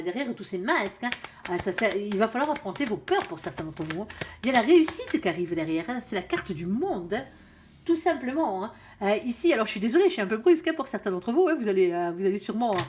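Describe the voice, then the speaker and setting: A woman giving a casual, blunt tarot reading to her viewers, filling her talk with frequent fillers and tag words. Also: on the high side. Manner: blunt, chatty, peppers speech with "hein" and "euh". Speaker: tarot card reader.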